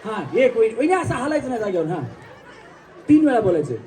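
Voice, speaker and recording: High-pitched male emcee who banters and bosses players around, recorded from afar over a crowd. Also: sing-song, fast talker, warm tone, a little hiss or hum. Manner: joking, coaxing crowd instructions. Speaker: game show host. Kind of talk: live stage game hosting. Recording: distant mic with crowd behind.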